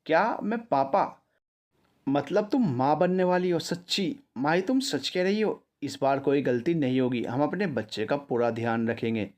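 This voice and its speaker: A man voicing an anxious young husband who is about to become a father, firing off eager questions in quick bursts. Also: medium pitch, darkish tone, close to an everyday voice. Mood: excited worried.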